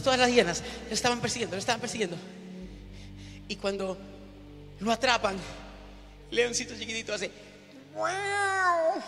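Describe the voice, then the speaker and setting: A woman's voice: medium pitch, a bit bright. Woman pastor, emphatic sermon delivery, repeats herself, draws in the crowd; long reverb with music underneath. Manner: emphatic, repeats phrases, calls on the congregation. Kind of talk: preaching a sermon.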